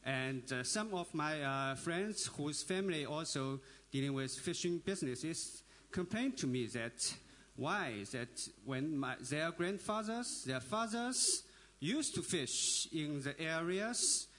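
A man making a long comment from the floor at a panel, halting and full of filler sounds. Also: on the high side, lively intonation, fairly bright tone. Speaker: audience member at a panel.

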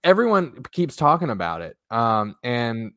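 A man co-hosting a sports podcast, giving quick, opinionated takes that trail off into mutters. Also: medium pitch, very animated, a bit bright, dry recording. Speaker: podcast co-host. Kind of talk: casual sports podcast chat.

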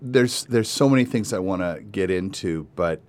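A middle-aged man hosting a podcast interview, talking casually with frequent restarts and pauses. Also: low voice, expressive, darkish tone. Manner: hesitant, restarts often, thinks aloud. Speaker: podcast host.

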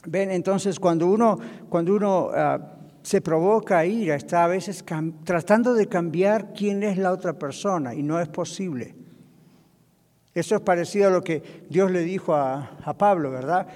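High-voiced pastor preaching in a hall. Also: male voice, moderate pace, darkish tone. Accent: Latin American Spanish. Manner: conversational preaching with asides to the congregation. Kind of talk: sermon on marriage. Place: church hall.

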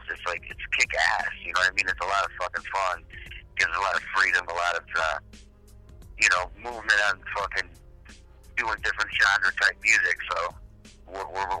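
A man's voice: sits low, steady tone, normal speed, sharp tone, faint music behind. A man on a phone line, a band's singer, chatting loosely as a guest, joking around and swearing a lot. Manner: laid-back, joking, heavy profanity. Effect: over the phone. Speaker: band singer, interview guest. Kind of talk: casual chat interview.

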